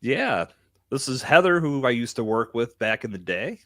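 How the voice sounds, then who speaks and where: Very animated at a moderate pace, a podcast host with a mid-range, slightly bright voice talks live into a close microphone. His conversational style is candid, emphatic and colloquial, and the recording is dry.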